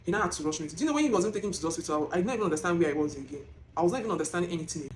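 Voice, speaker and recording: A woman with a Nigerian accent filming herself as she tells a personal testimony, emotional and animated, close to tears. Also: on the low side, racing, a little hiss or hum. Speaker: vlogger. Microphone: self-filmed camera.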